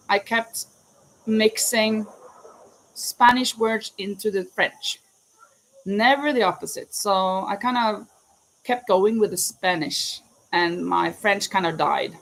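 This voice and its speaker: Through a low-quality recording with slight background noise, a woman speaks slowly in a mid-range voice with a Norwegian accent. Originally from Norway, she crochets live from her home in Spain as crickets chirp outside; a crochet vlogger and teacher, she answers viewers' questions in a chatty, rambling, self-correcting way.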